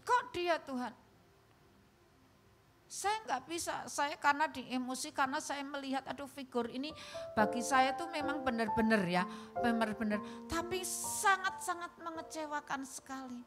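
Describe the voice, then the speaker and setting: A woman preacher tinged delivers an emotional, story-driven sermon to her congregation. Her voice sits a bit high for a woman. Instrumental music plays clearly beneath her in a livestreamed church service. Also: normal speed. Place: church hall.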